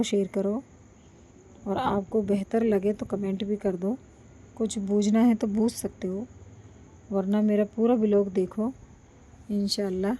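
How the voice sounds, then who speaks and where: A woman vlogger with a sore throat, talking slowly and softly to her viewers and pleading for their support, recorded without a microphone. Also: mid-range voice. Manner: slow, soft-spoken, pleading. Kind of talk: casual chat to viewers. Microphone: no microphone, built-in device mic.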